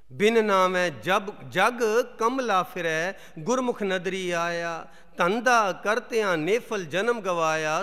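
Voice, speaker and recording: Man, preacher, chanting scripture, smooth clear voice, long hall echo. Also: high voice, pushed and bright. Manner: slow chanting recitation of verses between plain explanation. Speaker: Sikh preacher. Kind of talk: sermon reciting scripture verses.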